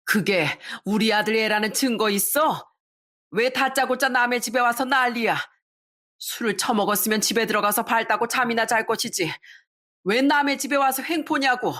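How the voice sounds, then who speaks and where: A woman voicing an older mother-in-law who scolds and shouts in commanding bursts, reading a story aloud. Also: mid-range voice, normal speed, natural voice. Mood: furious scolding.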